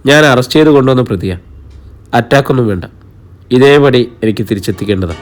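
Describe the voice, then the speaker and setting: A man's voice: medium pitch, expressive, fast talker, natural voice. A man reading the part of a playful, bossy youngest sister in an audio story. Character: lively teasing young woman, youngest sister.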